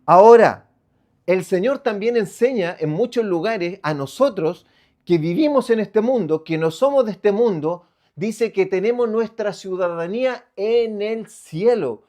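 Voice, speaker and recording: A man's voice: high voice, warm tone. A Chilean man preaching a sermon as a pastor, emphatic, asking rhetorical questions and answering them himself. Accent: Chilean Spanish.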